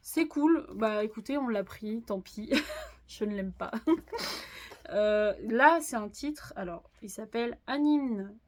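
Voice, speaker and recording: Female vlogger, casual haul chat, slightly high pitch, talkative, laughs easily. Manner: chatty, frequent "euh" fillers, laughs at own jokes. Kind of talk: casual unboxing chat to viewers.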